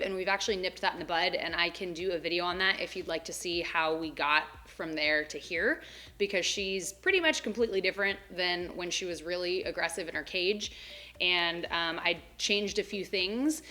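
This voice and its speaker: A woman's voice: lowish voice, sharp tone. A young woman chatting casually in a home pet vlog, with lots of "um" and "like". She is a little out of breath from walking back and forth. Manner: chatty, filler-heavy with frequent "um" and "like". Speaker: pet vlogger. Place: home animal room.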